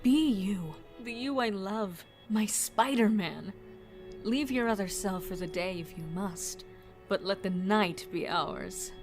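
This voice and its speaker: A woman's voice: mid-range voice, animated, slow pace, music in the background. A woman voicing a seductive, willful and playful masked cat burglar with a sultry, theatrical delivery in a comic dub. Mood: playful, thrilled.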